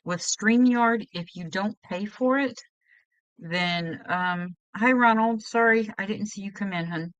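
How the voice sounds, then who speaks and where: A woman's voice: medium pitch, unhurried, a bit bright, clean tone, no room sound, highs cut off. A woman hosting a casual live stream, chatting in a scattered way and greeting viewers as hun.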